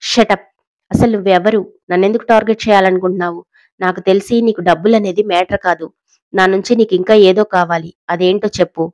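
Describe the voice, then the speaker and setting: A woman's voice: mid-range voice, steady tone, brisk, darkish tone, dry recording, natural voice. A woman voicing a proud cornered matriarch. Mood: tense. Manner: arrogant, angry, pleading. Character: proud powerful older woman, cornered and angry.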